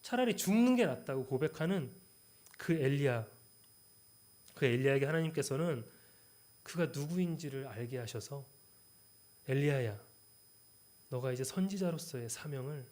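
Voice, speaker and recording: A young man preaching a midweek church sermon, swinging between loud, emphatic lines and soft, tender passages. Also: medium pitch, moderate pace.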